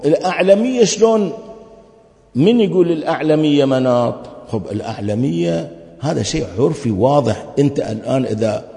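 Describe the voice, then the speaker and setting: A man's voice: medium pitch, gravelly, mellow. A man giving a religious lecture, arguing his points through rhetorical questions. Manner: argumentative, full of rhetorical questions. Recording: long hall reverb.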